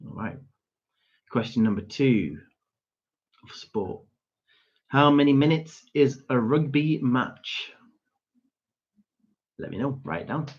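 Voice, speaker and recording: Slow, chuckling quiz host. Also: male voice, mid-range voice, animated. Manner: slow, repeats and spells out questions, chuckles and self-corrects. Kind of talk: hosting an online pub quiz. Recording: dull lo-fi stream audio.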